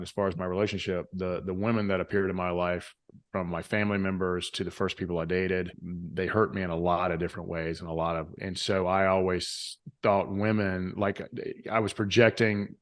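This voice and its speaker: Southern guy w a drawl, deep-ish voice, earnest motivational podcast guest talk. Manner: earnest, emphatic, repeats phrases for effect. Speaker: guest, author and retreat leader.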